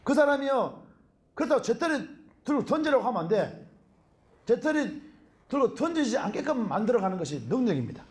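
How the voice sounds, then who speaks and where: A middle-aged Korean pastor, preaching a sermon in an animated way and often calling out hallelujah. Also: male voice, very high voice, fairly quick, long pauses.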